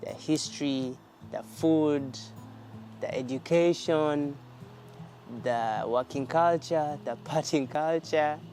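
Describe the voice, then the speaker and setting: Mellow-voiced man, reflective. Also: on the high side, slow pace, faint music behind. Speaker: volunteer. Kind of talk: personal testimony.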